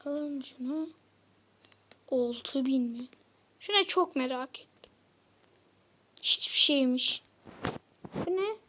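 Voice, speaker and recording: Chatting directly with viewers during a let's-play, this gaming YouTuber is quick to get frustrated. She speaks in a high, animated voice with a sharp tone, over slight background noise.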